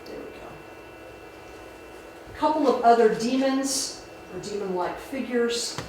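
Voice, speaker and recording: A woman tells folk tales and explains old beliefs to a library audience, talking loosely and restarting her sentences often. Her voice is picked up from a distance in a very echoey room. Steady background noise sits under it. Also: on the high side, measured pace. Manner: conversational, with many restarts and fillers. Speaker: library speaker. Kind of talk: public talk on folklore.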